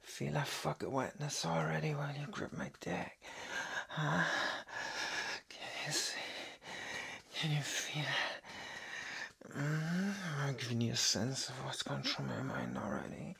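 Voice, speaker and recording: A man speaking an intimate monologue, mostly in a hushed, breathy whisper that lingers on each phrase. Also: mid-range voice.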